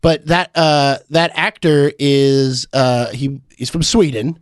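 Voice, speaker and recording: A man's voice: medium pitch, steady tone, takes it slowly, dry recording, studio quality. A man casually chatting about a movie on a podcast, rambling with lots of fillers and frequent laughs. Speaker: podcast host.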